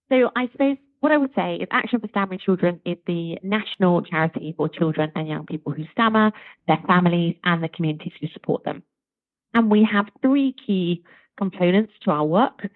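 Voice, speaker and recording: Woman, low voice, enthusiastic interview guest, tinny phone-like line. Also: no echo. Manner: articulate, enthusiastic and fluent. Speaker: charity chief executive, interview guest. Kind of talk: conversational interview.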